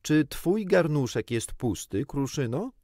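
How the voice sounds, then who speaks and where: A man's voice: on the high side, big pitch swings, warm tone, no echo, clean studio sound, voice pushed up, heavily acted. A man voicing a young girl who plays mother, scolding and fussing over the children. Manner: fussy, scolding, brisk. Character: motherly girl playing house.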